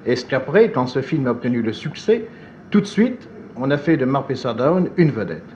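A man's voice: medium pitch, very animated, normal speed, a little mellow. A man interviewer asking probing, insistent questions. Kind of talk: archival interview. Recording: dull old recording with faint noise.

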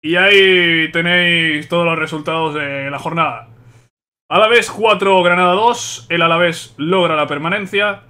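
A high-pitched man calls the action live for his stream. He is excitable, shouting at goals and laughing easily. He is a stream host reacting to football. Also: moderate pace.

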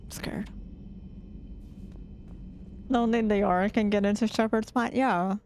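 A woman's voice: mid-range voice, steady tone, normal speed, a little mellow, slight background noise. A young woman streamer giving casual, anxious reaction commentary on a game she is playing for the first time, often repeating herself and giggling. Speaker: gaming streamer.

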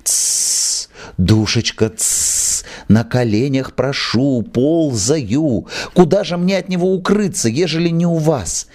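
Guy doing a scared old bald manager, nasal shaky begging, voice up high. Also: expressive, slow, a little mellow. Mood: pleading. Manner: trembling, nasal pleading whisper. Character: old bald cowardly theatre manager, pleading.

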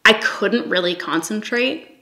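A woman's voice: medium pitch, a little slow. Woman telling a story, echoey room. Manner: swears freely, laughs often, lively. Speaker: vlogger. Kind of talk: casual storytelling.

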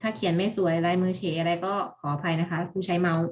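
Chatty woman teacher, lowish voice. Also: fairly even intonation, quick pace, slight background noise. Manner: chatty, informal, self-correcting asides. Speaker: primary school teacher. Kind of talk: casual recorded online lesson. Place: at home. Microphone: computer recording with screen and mouse.

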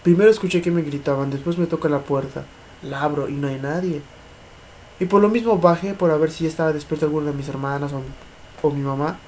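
A man's voice: on the high side, quick pace, darkish tone, a little hiss or hum. A young man with a Mexican accent tells a paranormal story from home at night in a casual vlog. He rambles and repeats words. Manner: rambling, repeats words, mimics knocking sounds. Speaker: paranormal vlogger. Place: home at night, neighbours' party noise outside.

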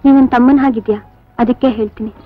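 A woman playing a quick, firm village wife. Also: a little high, steady tone, natural voice. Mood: earnest. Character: caring rural woman, firm with husband, adult. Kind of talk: 1970s Indian film dialogue. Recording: tinny old film soundtrack with faint music.

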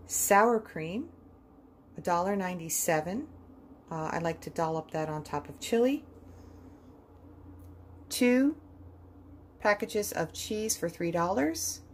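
A woman with a fairly low voice narrates her budget grocery video, reading off each item and what it cost in a calm, steady list. It is a home-recorded voice-over with a faint hiss of room ambience behind it.

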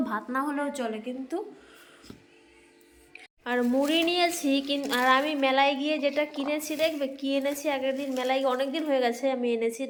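Bengali mom vlogging her day, high voice, chatty, bit of faint noise behind. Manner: chatty, talks to viewers and her child. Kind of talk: casual daily vlog narration.

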